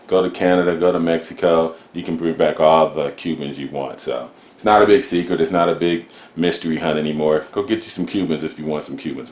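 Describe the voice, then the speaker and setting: A cigar reviewer with a low voice shows cigars from his humidor in a relaxed show-and-tell vlog, recorded in an echoey room next to it. He rambles casually, chatting with plenty of fillers.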